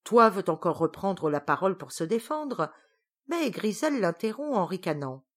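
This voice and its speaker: A woman narrating a children's story aloud, playful and expressive. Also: medium pitch, normal speed. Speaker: audiobook reader.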